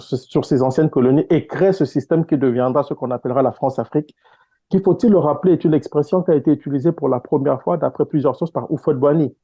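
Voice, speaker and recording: A Congolese-born man answering interview questions in a measured, explanatory way with frequent hesitations, speaking over an online call. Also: medium pitch, mellow, dry recording, muffled recording. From Congo (DRC). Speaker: guest author.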